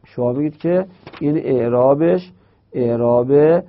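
A man teaching a grammar lesson in speech, explaining step by step and slowly repeating key terms. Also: mid-range voice. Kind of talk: Arabic grammar lecture. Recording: dull lo-fi recording.

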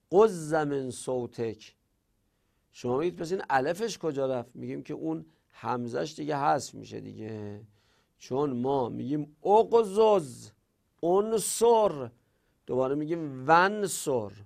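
A man's voice: a little high, vocal fry, a little mellow. A male teacher explaining Arabic grammar rules step by step, posing questions and then answering them himself.

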